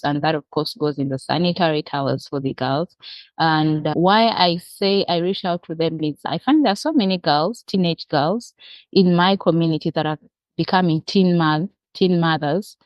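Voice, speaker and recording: Speaking in a Ugandan accent, this Ugandan woman appears as an interview guest and describes her social work with earnest care. Her voice is on the low side, there is no room sound, and the call audio comes through dull, muffled and lo-fi.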